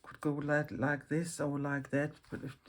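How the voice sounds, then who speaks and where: A Danish woman, hoarse from losing her voice, chatting through a hands-on stitching tutorial, thinking aloud and correcting herself mid-sentence. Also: low voice, completely flat delivery, measured pace. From Denmark. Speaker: embroidery teacher.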